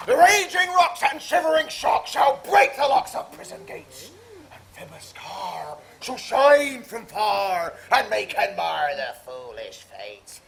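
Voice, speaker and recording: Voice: mid-range voice, very animated, slow, vocal fry, exaggerated voice. A performer reading a boastful tradesman who wants to play every part, in a comic play reading. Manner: grandiose and theatrical. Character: boastful male weaver hungry for every part.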